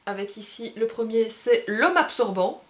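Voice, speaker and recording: A woman's voice: on the high side, expressive, normal speed. Chatty woman unboxing a game, roomy sound. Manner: chatty, hesitant, self-correcting while handling cards. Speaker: game bar host. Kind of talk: casual unboxing video. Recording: roomy with faint background noise.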